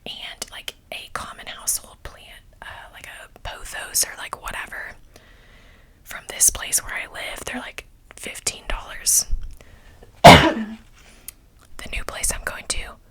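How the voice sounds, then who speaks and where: A young woman whispering a rambling, casual vlog chat full of fillers, close to the mic. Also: a bit bright. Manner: whispering throughout, chatty and rambling with many fillers. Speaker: vlogger.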